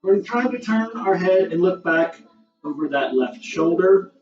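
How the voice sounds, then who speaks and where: A man with a somewhat high voice guides a beginner yoga class, his cues calm and encouraging with relaxed asides. He sounds a little short of breath. The dull, distant recording has a roomy echo and faint music underneath. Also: normal speed. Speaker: yoga instructor.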